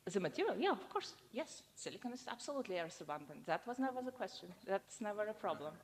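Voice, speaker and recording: In a lecture hall with reverb and faint noise, a conference speaker answers audience questions after her academic talk. Her medium-pitched voice is very animated and fast, and she explains firmly despite some hesitant starts.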